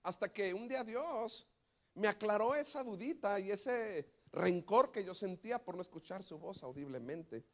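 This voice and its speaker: Man, middle-aged pastor, lively storytelling sermon, highish voice. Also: normal speed. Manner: animated storytelling with acted quotes.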